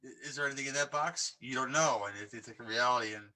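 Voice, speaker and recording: Man, podcast co-host, bright tense voice, enthusiastic, rambling, casual chat. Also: medium pitch, fast talker. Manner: rambling and enthusiastic, many restarts. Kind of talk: casual podcast chat about horror films.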